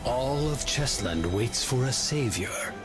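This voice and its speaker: An actor playing a male storybook guide in a fantasy game, speaking in a measured, theatrical storyteller's way. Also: medium pitch, animated, loud music behind the voice. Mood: grave. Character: Humpty Dumpty, male storybook guide addressing Alice. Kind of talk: scripted game character dialogue and narration.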